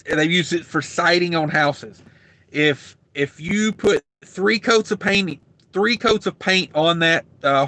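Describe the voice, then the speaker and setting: A man hosting a trucking livestream rambles casually, full of fillers, as he reads out viewer comments and his throat grows dry. His voice is a little high, pushed and bright.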